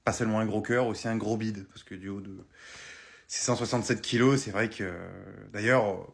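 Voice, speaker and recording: A man's voice: fairly low pitch, normal speed, pitched below the performer's own voice, close to an everyday voice. A man voicing a son giving a mock-solemn, insulting eulogy in a comedy sketch, hesitant with many fillers. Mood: deadpan. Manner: hesitant, deadpan, full of "euh".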